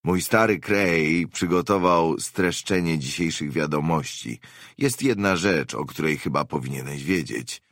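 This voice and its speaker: A man's voice: sits low, fairly bright tone, dry recording, clean studio sound, exaggerated voice. A man voicing a weary, hard-drinking middle-aged brother, speaking up in a raised, earnest voice in an audiobook.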